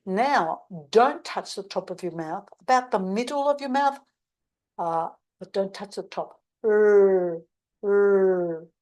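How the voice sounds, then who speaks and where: A woman with an Australian accent teaching pronunciation, modeling single sounds and words in slow, exaggerated speech. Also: mid-range voice, animated. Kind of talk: English pronunciation lesson.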